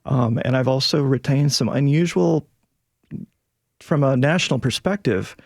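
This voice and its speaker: Man, Northern American accent, gravelly fry, medium pitch, explanatory panel talk, dry sound. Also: unhurried, no room sound. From northern United States. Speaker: linguist guest.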